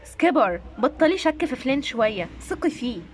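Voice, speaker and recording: Woman doing a chill reasonable doll, egyptian accent, high quick voice. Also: big pitch swings, a little hiss or hum. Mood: calming. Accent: Egyptian Arabic. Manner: soothing, reasonable.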